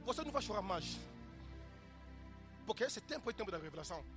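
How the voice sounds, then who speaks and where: A man preaching, swinging between shouted calls and quiet storytelling, with an interpreter following. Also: high voice, big pitch swings, fast, music in the background. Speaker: visiting prophet preaching. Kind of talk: sermon with interpreter.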